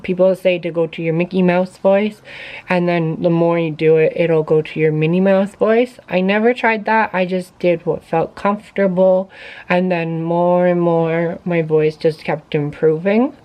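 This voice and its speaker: A woman's voice: on the low side, steady tone, a little slow, darkish tone, rough recording. A woman vlogger talking casually to camera, sharing tips in an informal, chatty way with many fillers.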